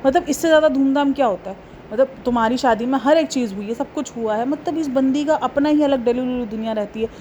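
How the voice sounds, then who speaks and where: A woman's voice: high voice, quick pace, warm tone, slight background noise. A woman hosting a casual commentary vlog, scolding with rhetorical questions and exasperated asides. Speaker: commentary vlogger, channel host.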